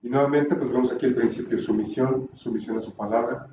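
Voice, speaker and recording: Man teaching a bible class, kinda mellow voice, asks lots of little questions, echoey room, mic far off. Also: medium pitch, steady tone, a little fast, a little hiss or hum. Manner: explanatory, asks rhetorical questions. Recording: distant, roomy, dull room recording.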